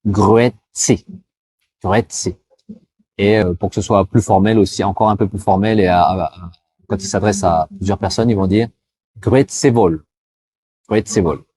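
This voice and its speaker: A chatty vlogger from France casually advises cross-border workers, addressing the viewer as "tu" and using frequent "euh" fillers. He slows down to demonstrate pronunciation in a mini language lesson. His voice is deep, warm, and husky with a steady tone, on a dry recording.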